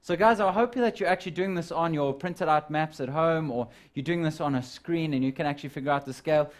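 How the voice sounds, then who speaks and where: A man's voice: on the high side, quick pace. A man teaching a live physical sciences lesson, walking students through measurements and calculations and calling them "guys". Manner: step-by-step explaining, addresses students as guys.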